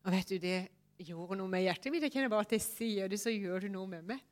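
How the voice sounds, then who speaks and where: A woman preaching a heartfelt sermon in a church and sharing a personal testimony. She speaks intimately and often drops to a soft near-whisper. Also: mid-range voice. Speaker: pastor.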